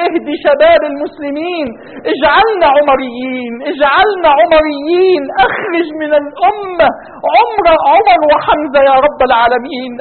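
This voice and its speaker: A man preaching in an Egyptian Arabic accent, with impassioned and pleading delivery, moving from a sermon into a long supplication. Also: very high voice. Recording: tinny phone-like sound with faint noise.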